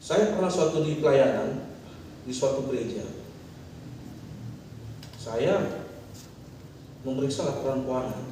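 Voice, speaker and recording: A man's voice: medium pitch, expressive, measured pace, pauses often, mellow, slight background noise. A middle-aged pastor from Indonesia preaching a sermon in a conversational way, telling stories from his ministry with rising, emphatic passages. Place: church hall. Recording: echoey church hall from far off.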